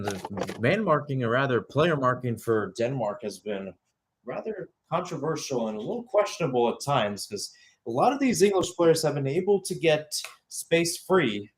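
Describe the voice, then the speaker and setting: The speaker is a young man doing live soccer commentary like a radio play-by-play announcer. His mid-range voice carries a breathy edge, and his short, clipped phrases are dotted with asides and self-corrections.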